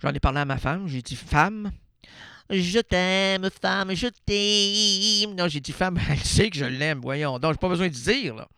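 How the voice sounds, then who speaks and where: Québécois radio guy doing absurd improv, kinda high voice, dry close mic, goofy and rambly. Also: fast talker, few pauses, a bit bright, no room sound. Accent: Québécois French. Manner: playful, rambling, laughs at his own jokes. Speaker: radio host.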